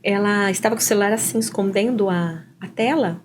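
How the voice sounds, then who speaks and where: A woman with a Brazilian Portuguese accent, a guest telling her personal adoption story in an animated way and often acting out the dialogue. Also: medium pitch, a little fast, slight background noise. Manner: animated, often quotes dialogue with "eu falei assim". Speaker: interview guest, adoptive mother.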